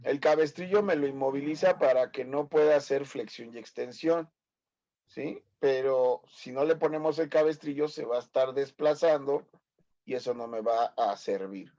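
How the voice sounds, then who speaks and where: Here a Mexican-accented man in his fifties runs an online medical lesson, where he pokes fun at students, fixes their mistakes, and quizzes them constantly. He speaks at a moderate pace in a medium-pitched, dark voice, and the audio is dull.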